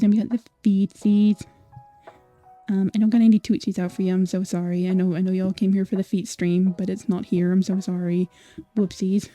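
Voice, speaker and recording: Mellow-voiced woman chatting on stream. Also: mid-range voice. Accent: mostly American-sounding, Scottish origin. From Scotland. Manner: chatty, apologetic, many fillers. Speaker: vtuber streamer. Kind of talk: casual livestream chat.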